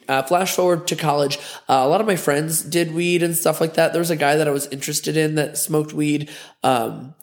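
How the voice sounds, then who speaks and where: A young adult man telling candid, crude stories in a casual vlog monologue, animated and full of fillers. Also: a little high. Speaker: host of a talk vlog.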